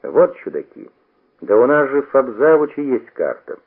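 A man's voice: mid-range voice, very animated, normal speed, husky, voice pushed up. A man voicing a bossy, preachy teenage boy with a mocking manner. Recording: tinny old radio broadcast.

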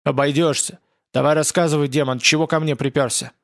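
Gravelly, blunt, commanding veteran priest in his fifties, voiced by the man who narrates, dry close sound. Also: fairly high pitch, fairly even intonation, fairly quick, dry recording. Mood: curt. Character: gruff older male priest, war veteran.

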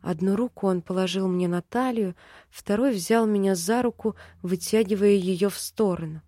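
A woman's voice: mid-range voice, normal speed, warm tone, dry recording. Woman reading a novel aloud, dry sound. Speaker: audiobook narrator. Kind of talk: scripted first-person narration.

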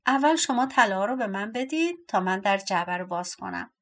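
A woman voicing a polite, clever young village girl in a storybook reading, speaking gently and carefully. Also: mid-range voice, expressive, close to an everyday voice. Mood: calm.

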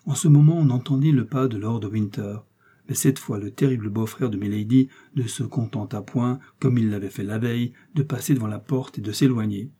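A male audiobook narrator with a very dark, mellow voice and a husky edge. His measured, expressive reading suits a classic adventure novel. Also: mid-range voice.

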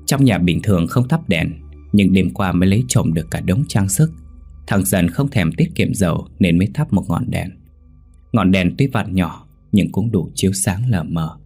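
A male storyteller reads a scripted ghost story in a very deep, husky voice. His delivery is measured and suspenseful. Soft music plays faintly behind him. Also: expressive. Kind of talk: scripted horror story narration.

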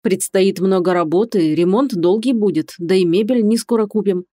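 A woman's voice: medium pitch, moderate pace, warm tone, no room sound, studio quality, close to an everyday voice. A woman doing a worried young man. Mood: earnest.

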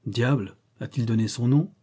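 A brooding, masterful nobleman, voiced by a man reading aloud, speaks in a measured, teasing way. His tone is warm and dark. It is audiobook character reading. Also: medium pitch, husky, natural voice. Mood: bantering.

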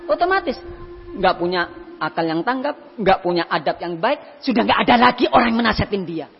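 A man's voice: high-pitched, brisk, gravelly, faint music behind. A man giving an Islamic sermon, telling stories and acting out the people in them. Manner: animated storytelling with voiced quotes. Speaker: ustadz. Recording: dull lo-fi hall recording.

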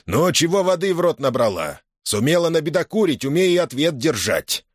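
A man voicing a quick-tempered, domineering merchant who scolds and barks at his household. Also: a little high, sing-song, no room sound, studio quality, pitched above the performer's own voice. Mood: scolding. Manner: barking, scolding.

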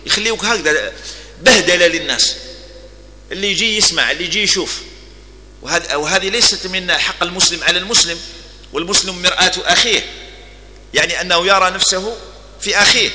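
A man's voice: on the high side, bright, forceful tone, long reverb tail. A man with an Algerian accent giving a religious lesson, telling stories and moving between formal Arabic and dialect. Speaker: preacher.

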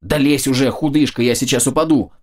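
A man voicing an excitable, easily frightened young woman in a storybook reading. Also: medium pitch, brisk, voice pushed up, close to an everyday voice. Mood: excited.

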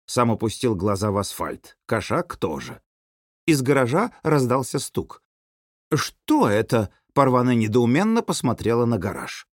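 A man narrating an audiobook in an animated storytelling manner. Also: medium pitch, normal speed, dry recording, clean studio sound. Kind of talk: scripted narration.

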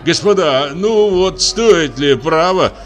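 A man voicing a flustered, fawning middle-aged man who hushes quarrels and shouts wedding toasts in an audiobook play. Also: a little high, expressive, slow, soft background music. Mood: embarrassed. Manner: embarrassed, then loud toasting.

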